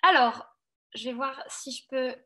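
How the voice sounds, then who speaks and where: A woman career coach presents a webinar over a video call in a high, bright voice. She talks in a loose, chatty way, often stopping on fillers as she checks in with her audience. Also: a little slow.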